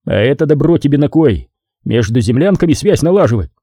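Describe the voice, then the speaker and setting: A man voicing a gruff middle-aged male partisan commander who grumbles and gives orders in an audiobook. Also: medium pitch, sing-song, brisk, dark tone, no room sound, studio quality. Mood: gruff commanding.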